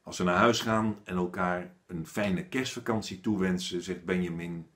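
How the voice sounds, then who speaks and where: A man, an author, reading a children's story aloud with an expressive storytelling manner. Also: low-pitched, moderate pace. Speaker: author reading his own book.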